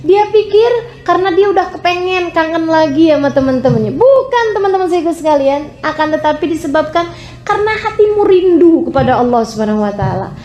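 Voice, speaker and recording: A woman preaching a sermon to her sisters, emphatic, swinging between high exclamations and low drawn-out phrases. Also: animated, a little mellow, reverberant, muffled recording. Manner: addresses her listeners as sisters again and again. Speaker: Islamic preacher.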